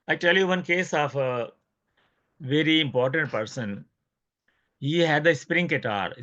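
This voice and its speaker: A man's voice: mid-range voice, a bit bright. A man giving an informal lecture, telling stories and acting out both sides of his conversations. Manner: storytelling, acts out both sides of dialogues. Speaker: homeopathy lecturer. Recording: dull lo-fi recording.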